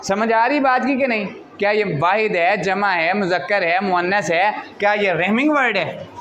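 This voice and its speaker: A man's voice: sits high, normal speed, fairly bright tone, dull audio. Male teacher questioning a noisy class. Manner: asks the class many questions, calls students "beta". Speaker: English teacher. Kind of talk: classroom lecture. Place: school classroom. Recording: noisy classroom with crowd chatter.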